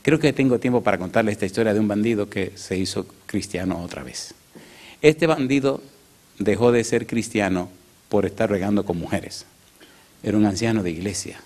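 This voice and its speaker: A man's voice: on the low side, moderate pace. A male pastor preaching a sermon, telling a story and acting out its characters' voices. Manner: animated, acts out the voices in his story. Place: church.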